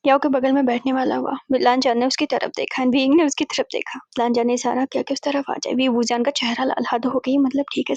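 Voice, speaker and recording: High flat-toned woman retelling a story. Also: vocal fry, slightly rough, no echo. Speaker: fanfiction narrator. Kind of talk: casual storytelling recap.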